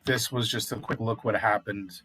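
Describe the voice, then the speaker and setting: A man's voice: fairly low pitch, fairly even intonation, normal speed, noisy background. A man co-hosting a casual talk show about recent news, speaking hesitantly as he thinks aloud.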